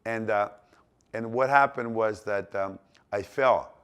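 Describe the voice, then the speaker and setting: A Greek-born man in his sixties speaks English with a Greek accent in a somewhat low voice. He rambles through memories with many fillers, false starts and repeated phrases. He sounds like someone chatting casually rather than reading a script. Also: slow, a bit bright, clean tone. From Greece. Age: 60s. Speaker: business owner telling his life story. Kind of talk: casual personal storytelling.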